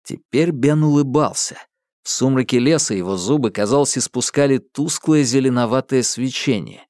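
A man reading an audiobook in a measured, dramatic storytelling manner. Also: mid-range voice, darkish tone, no room sound, studio quality. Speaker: narrator. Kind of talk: audiobook narration.

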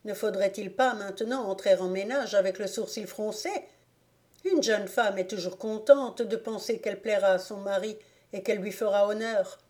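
A poor old village woman from a storybook, plainspoken and gently teasing, as a woman reader voices her. The tone is mellow and soft, with only a slight lift in pitch. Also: steady tone, normal speed, natural voice. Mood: kindly.

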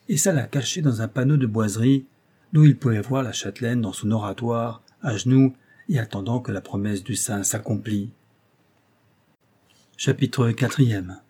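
A man narrating an old French tale as an audiobook, in a measured, expressive storytelling manner. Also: mid-range voice, slightly rough. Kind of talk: audiobook reading of a classic story.

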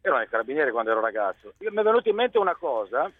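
A man's voice: mid-range voice, big pitch swings, racing, dry recording. A middle-aged man calling a radio show, telling things in a rambling, colloquial, self-deprecating way. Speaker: phone-in caller, truck driver. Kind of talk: colloquial live phone-in storytelling. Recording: thin, dry phone line.

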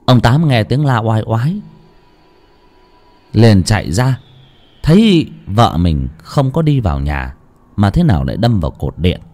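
A man narrating a ghost story with dramatic, lively storytelling. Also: medium pitch. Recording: music under the voice.

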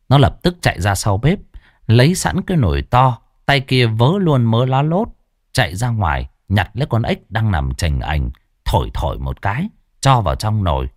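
A man narrating a comic story with expressive, swooping delivery. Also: fairly low pitch, no echo, studio quality.

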